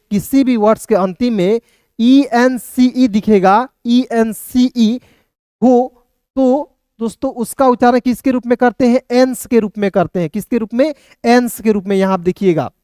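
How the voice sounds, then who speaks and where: Man, language teacher, smooth resonant voice, dry close sound, spells words letter by letter, repetitive question-and-answer delivery. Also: extremely high pitch, mellow, dry recording. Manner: keeps addressing viewers as friends. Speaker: English teacher. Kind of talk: online language lesson.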